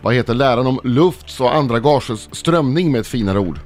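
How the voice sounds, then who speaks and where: A man reads quiz questions briskly on a radio show, his voice at an ordinary middle pitch. He sounds matter-of-fact as he works through the list. Faint music plays under him in the studio. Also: expressive, a little mellow.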